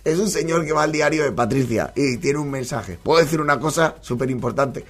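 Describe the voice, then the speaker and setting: A man with a Spain accent hosting a comedy podcast, commenting on TV clips in a casual, animated way and laughing often. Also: mid-range voice, brisk, breathy edge. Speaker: podcast host.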